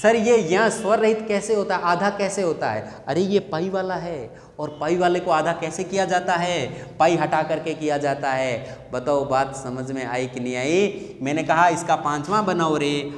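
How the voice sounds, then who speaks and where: A man's voice: a little high, unhurried, hardly any pauses. A male teacher giving a lesson, drilling students with repeated questions and answers. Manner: repetitive call-and-response drilling. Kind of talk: classroom lesson. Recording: echoey long-reverb room.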